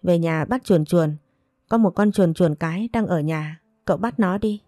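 A mad young wife babbling simply, like a child, as a woman narrator puts her on. The voice is low and mellow. This is a storybook reading. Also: moderate pace, no echo, studio quality, faint music behind, natural voice. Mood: childlike.

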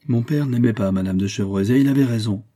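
A man's voice: medium pitch, fast talker, dark tone, lightly acted. A man reading aloud voices a proud, resolute young king who speaks in a firm, commanding way.

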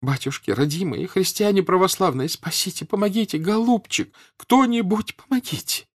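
Guy doing a shrill sobbing mother, desperate, voice way up high. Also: moderate pace. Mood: wailing. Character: wailing middle-aged mother, desperate and shrill.

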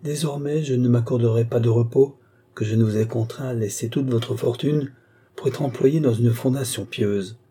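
A man's voice: medium pitch, moderate pace, warm tone, husky, close to an everyday voice. A man voicing a scheming, pious noblewoman who pleads emotionally, as in a read-aloud storybook. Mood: pleading.

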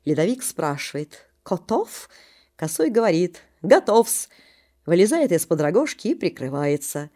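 A woman's voice: sits low, fairly quick, few pauses. Woman narrating an audiobook. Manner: expressive storytelling.

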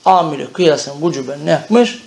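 A man's voice: on the high side, expressive, brisk, vocal fry, darkish tone. A man teaching an Arabic grammar lesson, explaining step by step and often checking that the class understands.

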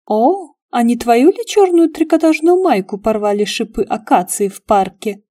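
Brief: a woman voicing a prying, needling young man, mellow tone, audiobook. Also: on the high side, lively intonation, moderate pace, no echo, studio quality, pitched above the performer's own voice, close to an everyday voice. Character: chatty nosy young man, teasing friend.

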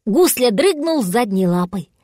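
A woman narrating a children's storybook aloud with gentle expressive telling. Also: fairly high pitch, measured pace, breathy edge, dry recording, clean studio sound. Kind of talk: audiobook storytelling.

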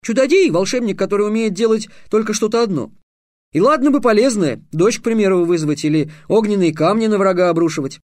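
A man's voice: high voice, fast, darkish tone, no room sound, clean studio sound, pitched above the performer's own voice, close to an everyday voice. A man voicing a stern, clever teenage squire who lectures curtly. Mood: lecturing. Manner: curt, lecturing.

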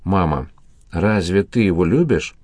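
A man's voice: deep voice, lively intonation, unhurried, a little mellow, no echo. A man reading an audiobook, voicing a scheming teenage son who talks scornfully and in a whisper.

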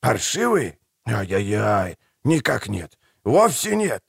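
A toothless old market trader, as a male reader puts him on, all fawning, conspiratorial patter. His voice is gravelly and husky, and it leaps up and down in pitch. The reading is close and dry, with no room sound. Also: sing-song, takes it slowly, dry recording, exaggerated voice. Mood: wheedling. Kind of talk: audiobook character voice.

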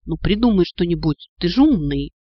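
A man's voice: high voice, animated, moderate pace, no room sound, lo-fi sound. A man voicing a sassy young female witch with a cheeky, sarcastic way of talking, in an audiobook.

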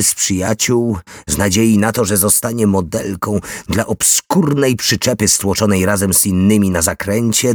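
Deep husky male audiobook narrator. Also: no echo, clean studio sound. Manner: steady, measured storytelling. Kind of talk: scripted narration.

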